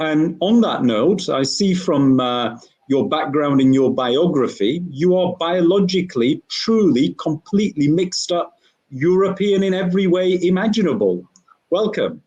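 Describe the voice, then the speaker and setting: A man from England hosting a livestream panel, earnest and measured, with frequent fillers, on a video call. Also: a little high, darkish tone, husky, poor audio. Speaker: panel host.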